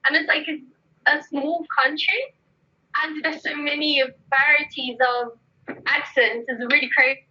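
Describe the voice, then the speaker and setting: A woman's voice: high-pitched, fairly even intonation, a little slow, pushed and bright. A woman, an English teacher, chatting in an interview, bubbly and laughing often. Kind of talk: casual interview chat. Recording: dull lo-fi sound.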